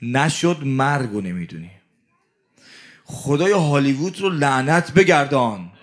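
A man preaching a religious sermon, telling stories and acting out their dialogue, swinging between loud cries and hushed murmurs. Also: medium pitch, expressive. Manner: acts out dialogue in his stories.

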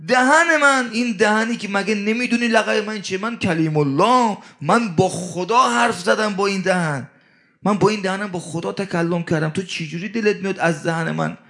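An aged prophet protests to the angel of death in a high, raised voice, hammering the same point again and again. A male preacher puts him on in the middle of a sermon. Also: bright, forceful tone. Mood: indignant.

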